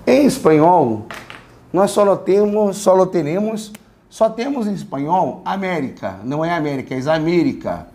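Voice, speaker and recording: Male language teacher from Brazil, high voice, classroom lecture, drills pronunciation by repetition. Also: animated, mellow. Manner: explains slowly, repeats words, asks students to repeat. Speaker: Spanish teacher.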